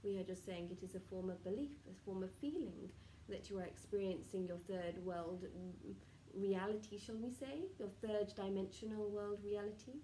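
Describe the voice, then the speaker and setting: Woman as a mellow, solemn channelled spirit guide. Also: mid-range voice, lightly acted. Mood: gentle, instructive. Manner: formal, halting, stilted phrasing with murmured pauses. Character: solemn benevolent collective of spirit guides advising a client. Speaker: trance channeller, spirit medium. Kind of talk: seance medium channelling, improvised spiritual counsel. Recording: roomy, distant mic with faint noise.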